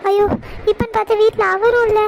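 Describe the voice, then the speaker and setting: Cartoon aunt, anxious and fretful, very high woman's voice, noisy recording. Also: flat delivery, brisk, vocal fry. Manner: fretful, fussing. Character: worried middle-aged aunt, anxious. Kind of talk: hobby cartoon voice acting.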